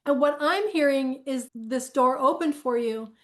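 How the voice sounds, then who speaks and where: Woman interview host; high, bright-pitched, supportive and conversational. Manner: warm, affirming, quick to summarize. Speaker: podcast host.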